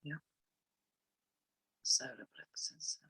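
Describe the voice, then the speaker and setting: A woman reading chakra statements on a group call and guiding listeners through affirmations, soft-spoken and musing, often murmuring "okay" between readings. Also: very slow, poor audio. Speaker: wellness guest speaker.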